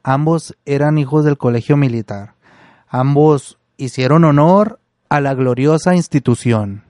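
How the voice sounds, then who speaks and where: A man's voice: mid-range voice, unhurried, darkish tone, no echo, clean studio sound. Man narrating a story. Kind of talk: storytelling narration then casual commentary.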